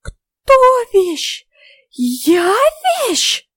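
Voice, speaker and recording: A woman voicing a touchy, shrill little female fairy in an audiobook, with squealing, indignant outbursts. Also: animated, very slow, no room sound, studio quality, exaggerated voice. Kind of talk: audiobook character voice.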